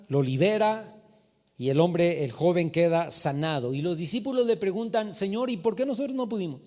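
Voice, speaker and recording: A man preaching a sermon as pastor, animated and calling his listeners brother. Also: sits high. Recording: reverberant hall with soft music.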